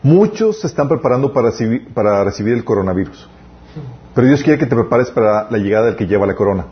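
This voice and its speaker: A man giving a casual sermon as youth pastor, full of restarts and slowed emphatic phrases. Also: medium pitch, expressive, muffled recording, a little hiss or hum. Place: church.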